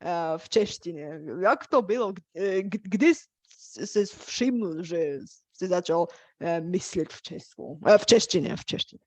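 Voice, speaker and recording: A Bulgarian woman hosting a casual conversation in a foreign language, pausing often with fillers as she searches for words. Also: on the low side, animated, a little mellow, dry recording. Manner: hesitant, many fillers while searching for words. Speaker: host.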